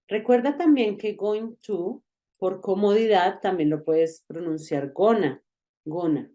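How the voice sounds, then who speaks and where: Woman teacher, low mellow voice, unhurried, models example sentences slowly and quizzes the learner. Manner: asks the learner questions directly. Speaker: English teacher. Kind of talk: online grammar lesson.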